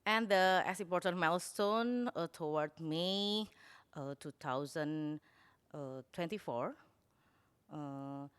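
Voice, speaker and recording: Low-voiced Indonesian woman, halting speech. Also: smooth. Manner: halting, many filler sounds. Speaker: forum secretariat representative. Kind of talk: conference announcement.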